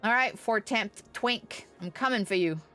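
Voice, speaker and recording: A woman livestreams a game, chatting casually with viewers in a playful, irreverent, slangy way. Her medium-pitched voice moves at a measured pace over soft game music.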